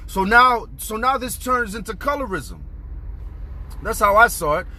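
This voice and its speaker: A man's voice: high voice, animated, unhurried, pushed and bright. A man in his thirties telling a story in a casual, profane, heated rant, recorded on a phone camera in a car. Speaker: vlogger.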